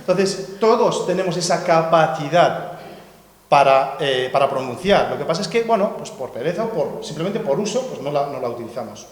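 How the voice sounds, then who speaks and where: A man's voice: fairly high pitch, expressive, moderate pace. Man lecturing in an echoey hall. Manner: conversational, digressive, many fillers and restarts; draws on a board while explaining. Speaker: lecturer at a seminar. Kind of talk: academic lecture. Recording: echoey hall, long reverb.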